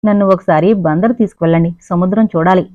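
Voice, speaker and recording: A woman voicing a playful, pampered rich young woman who talks in a lively, teasing way. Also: on the low side, quick pace, dry recording, lightly acted. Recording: dry, narrow phone-like sound.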